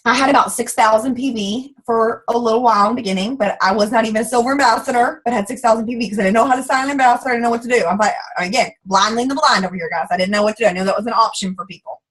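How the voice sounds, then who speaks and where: A woman from the American South, likely in her thirties, giving a loud, fast, emphatic motivational pep talk as guest speaker on a call. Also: on the high side, husky, low-quality recording.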